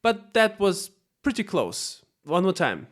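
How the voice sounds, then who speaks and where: A man from Russia with a Russian accent, casually reacting to a clip and demonstrating pronunciation by slowly repeating words. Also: sits high, sing-song, a little hiss or hum. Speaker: host reviewing an actor's accent.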